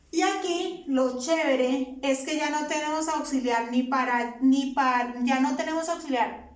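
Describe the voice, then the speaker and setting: High-voiced teacher, echoey room. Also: female voice, recorded from a distance. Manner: patient, asks questions and answers them. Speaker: English teacher. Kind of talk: explaining grammar to students.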